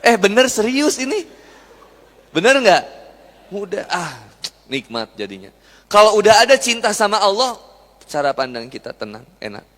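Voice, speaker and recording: A young preacher gives a lively, chatty, jokey sermon to a live audience, quizzing the crowd with questions. His high-pitched, slightly bright voice is very animated and moves at a moderate pace with long pauses, all under long hall reverb.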